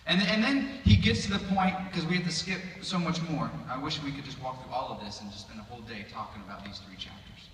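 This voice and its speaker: A man's voice: mid-range voice, fast, hardly any pauses, a bit bright, slight background noise. A man giving a casual sermon in a chapel, reading scripture and making joking, sarcastic asides, recorded on a phone from the audience. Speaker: preacher. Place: chapel hall. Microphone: audience member's phone from far off. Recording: echoey hall, phone from far off.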